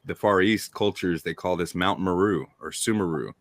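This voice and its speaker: A man hosting a casual panel discussion, relaxed and thinking aloud between chuckles. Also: low voice, moderate pace, dry recording, studio quality. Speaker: host.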